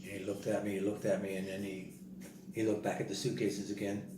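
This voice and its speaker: Man telling an animated story, distant and roomy. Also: on the low side, fairly quick. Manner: animated, repeats himself, acts out other people's words. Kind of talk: casual spoken travel story. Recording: roomy, distant mic, noisy background.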